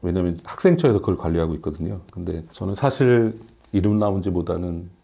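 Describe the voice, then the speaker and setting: A man's voice: low voice, expressive, fairly quick, gravelly, dark tone. A man in his late forties, a professor chatting candidly and conversationally as a guest answering questions on a casual radio show. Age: late 40s.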